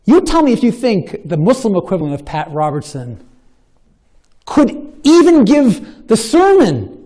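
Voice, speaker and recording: A man with a Boston accent giving a live public talk and answering audience questions, animated and long-winded, with a self-deprecating streak. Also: sits high, a little slow. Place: lecture hall with an audience.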